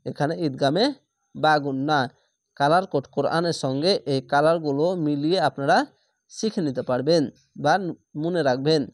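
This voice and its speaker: A man's voice: fairly high pitch, normal speed, long pauses, dry recording, clean studio sound. A man teaching Quran reading, spelling each syllable aloud and then reading the word whole, repeating it patiently. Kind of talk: spelling-out recitation lesson.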